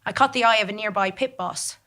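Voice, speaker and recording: Performing a monologue in a theatre, a woman recounts her own story as dramatic stage narration, formal and deliberate. She has a forceful, bright voice of average pitch.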